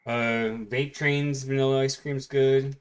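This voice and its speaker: A tired man chatting casually and at a relaxed pace as a co-host, rambling with fillers. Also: mid-range voice, takes it slowly, heavy background noise. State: tired, yawning. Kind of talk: casual late-night chat.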